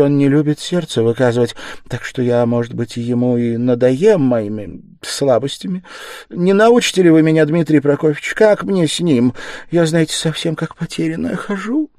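A man's voice: on the high side, expressive, moderate pace, a little mellow, no echo, clean studio sound, voice pushed up, close to an everyday voice. A man reading aloud voices an anxious, fussing older mother who exclaims in fluster.

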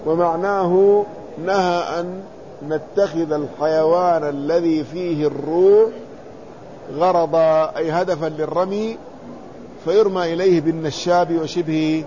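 A man teaching a classical hadith commentary, reading the text aloud and explaining it in a measured, deliberate way, carefully spelling out letters and vowels. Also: a little high, steady tone, dark tone, highs cut off, slight background noise.

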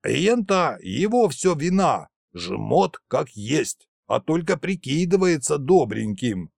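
A sly, fat old trickster spirit who wheedles and whines about his hard lot in folksy speech, as a man puts him on. His pitch leaps up and down, and the audiobook recording is dry and close. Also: very animated, takes it slowly, gravelly, darkish tone, no echo, heavily acted. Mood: whining. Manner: self-pitying, wheedling, folksy.

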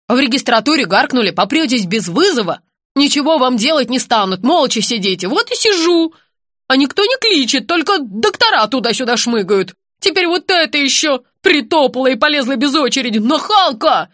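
A stubborn old woman shouts and scolds in rough folksy speech, as a female audiobook reader puts her on. Her voice sits high and swings wildly up and down. The read is dry and close. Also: sing-song, fairly quick, dry recording, heavily acted. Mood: grumbling. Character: pushy loud old woman patient, stubborn.

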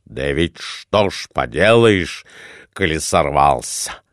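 A man's voice: rumbling low, lively intonation, takes it slowly, dry recording, studio quality, voice pushed down, heavily acted. A man voicing a clumsy middle-aged husband who grumbles and mutters in a storybook reading. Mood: grumbling.

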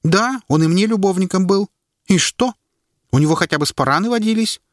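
A man reading an audiobook and voicing a brash, scornful woman from a rough crowd in a raised, sharp voice. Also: mid-range voice, lively intonation, fairly quick, no echo, clean studio sound, voice pushed up, natural voice. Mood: defiant.

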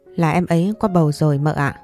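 A woman voicing a timid young servant girl who pleads softly in a story reading. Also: low voice, a little fast, faint music behind, natural voice.

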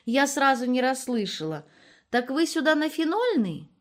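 A woman's voice: high voice, big pitch swings, normal speed, voice pushed up. A woman voicing a nosy, cheeky young village nurse who talks chattily and coquettishly. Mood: chatty, prying.

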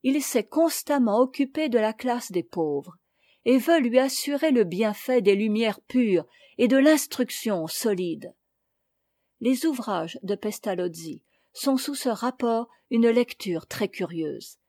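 A woman reading a classic essay aloud as an audiobook reader, in a measured, deliberate way. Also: fairly high pitch, lively intonation, warm tone, no room sound, studio quality.

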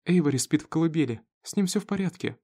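A male narrator voicing a frantic, anxious farm wife who turns sharp and commanding. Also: on the high side, expressive, quick pace, slightly rough, pitched above the performer's own voice. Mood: firm.

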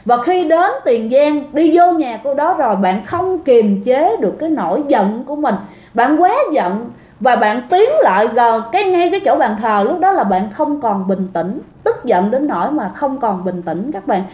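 A woman's voice: fairly high pitch, lively intonation, moderate pace, darkish tone. Chatty woman telling ghost stories. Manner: chatty, addresses listeners directly. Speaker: ghost story narrator. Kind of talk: casual storytelling. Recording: echoey room.

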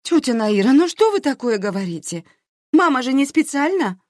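A woman's voice: high voice, very animated, normal speed, a little mellow, no echo, clean studio sound, voice pushed up. A woman reader voicing a worried adult daughter, speaking anxiously.

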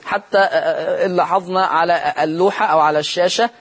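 A man with an Egyptian accent teaching Quran recitation on television, moving between quick explanation and slow, drawn-out chanted verses. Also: sits high, steady tone, a bit bright, breathy edge. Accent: Egyptian Arabic. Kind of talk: televised tajweed lesson.

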